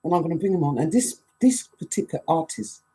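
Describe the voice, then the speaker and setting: A woman DJ hosting a live show, chatting casually, joking and giving shout-outs to listeners. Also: on the low side, quick pace, breathy edge, rough recording. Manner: chatty, animated, jokey. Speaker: DJ and show host.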